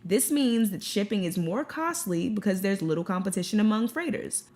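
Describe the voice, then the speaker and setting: A woman's voice: medium pitch, animated, normal speed, a little mellow. A young woman co-hosting a scripted comedic news show, reading with sarcastic jokey asides. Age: young adult. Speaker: co-host.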